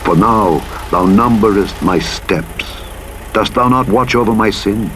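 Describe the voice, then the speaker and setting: A Bible audiobook narrator with a very low voice reads scripture solemnly, with formal, measured delivery and a dramatic narrator's weight. His reading plays back under loud, clear truck engine and vehicle noise from a driving game.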